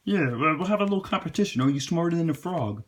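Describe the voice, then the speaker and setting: A man's voice: fairly high pitch, lively intonation, fast talker, pitched above the performer's own voice. A man voicing a cheeky, wisecracking male frog puppet who jokes and teases while helping with a math lesson. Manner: sassy, joking, bargains and teases.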